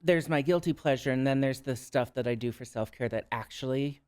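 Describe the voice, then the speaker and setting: Male podcast guest, smooth resonant voice, thoughtful and unhurried. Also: medium pitch, darkish tone. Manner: reflective, measured, with pauses and restarts. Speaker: guest, drag performer and counselor. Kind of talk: casual podcast chat.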